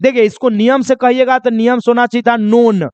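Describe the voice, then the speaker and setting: A man's voice: very high voice, level tone, quick pace, darkish tone, smooth, dry recording, dull audio. A man teaching pronunciation rules in a classroom-style lesson, constantly quizzing his listeners with repeated questions and calling them children. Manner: drills with repeated quiz questions; addresses viewers as children.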